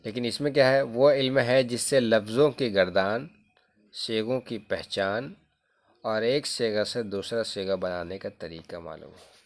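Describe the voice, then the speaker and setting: A man with a fairly low voice leads a classroom-style grammar lesson. He explains patiently, repeats key terms over and over, and keeps checking that the listener follows. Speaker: Arabic grammar teacher.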